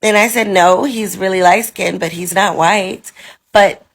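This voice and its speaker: A woman's voice: mid-range voice, unhurried, creaky. A mother telling a personal story casually to the camera, acting out the voices of the people in it. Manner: animated, acts out the other people's lines in the story.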